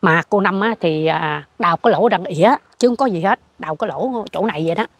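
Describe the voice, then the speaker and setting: Fast-talking husky older Southern Vietnamese woman. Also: on the low side, dry recording. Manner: animated storyteller who acts out what she saw. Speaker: interviewee. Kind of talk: ghost story told in conversation.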